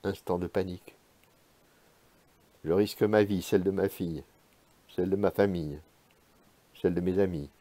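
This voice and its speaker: A man reading his own literary prose aloud in a measured, hushed, spare way. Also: low voice, steady tone, no echo.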